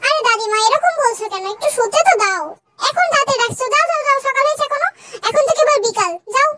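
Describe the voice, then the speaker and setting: A drowsy young prince in a storybook fan tale, teasing lazily in a slow, sleepy drawl, as a young woman acts him out. The voice sits very high, over a loud hiss. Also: animated.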